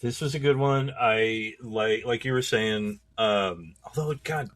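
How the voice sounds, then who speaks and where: A man's voice: on the low side, measured pace, dry recording. A man co-hosting a podcast, reacting in a laid-back way and laughing easily in casual chat. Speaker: podcast co-host.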